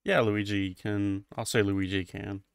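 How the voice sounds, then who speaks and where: A man narrating as game master of a tabletop game, low-key and matter-of-fact. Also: little pitch movement, a little slow, gravelly, clean tone, no room sound, clean studio sound.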